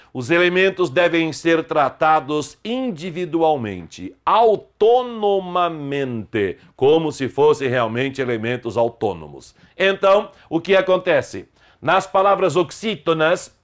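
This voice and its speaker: A middle-aged man with a Brazilian Portuguese accent teaching an online grammar lesson, explaining emphatically and stressing example words. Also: fairly high pitch.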